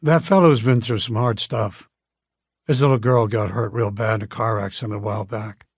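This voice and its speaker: A talkative, plainspoken coffee shop owner chats easily with a newcomer, as a man reads him in an audiobook. The voice is husky and the sound is close and dry. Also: fairly low pitch, steady tone, moderate pace, no echo. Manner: warm, chatty and plainspoken. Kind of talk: audiobook dialogue reading.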